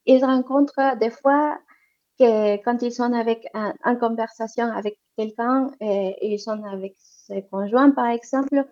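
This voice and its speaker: Through muffled, lo-fi audio, a woman representing economic development answers interview questions on women's entrepreneurship. Her voice is on the high side, fairly even and a little slow with a dark tone, and she hesitates often with fillers and restarts.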